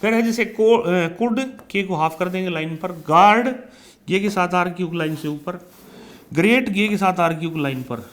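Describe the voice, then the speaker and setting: A man with an Indian accent teaching a shorthand class. He calls out each word loudly, then explains it more quietly, and addresses his students as children. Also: high voice, moderate pace. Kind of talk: classroom lesson explaining steps.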